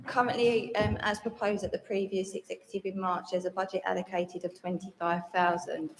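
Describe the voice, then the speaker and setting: A woman's voice: mid-range voice, little pitch movement, a little fast, background noise. A woman council officer answering questions at a meeting, businesslike in her explanations. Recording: distant hall reverb.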